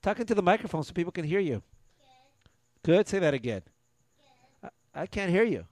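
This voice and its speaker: A man's voice: high-pitched, very animated, fairly quick, a little mellow. A middle-aged man co-hosting a casual talk show, chatting in an encouraging way. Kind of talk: casual chat.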